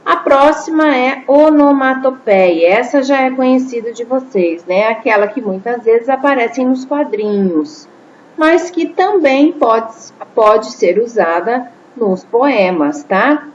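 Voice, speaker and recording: A woman's voice: a little high, expressive, takes it slowly. A woman teacher, explaining a lesson patiently and checking in with her listeners. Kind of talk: classroom lesson. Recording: slightly dull lo-fi audio with faint noise.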